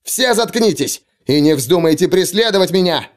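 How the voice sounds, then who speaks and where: A man voicing a young prince, arrogant and panicky, whose voice goes shrill and cracks when he shouts. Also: animated, moderate pace.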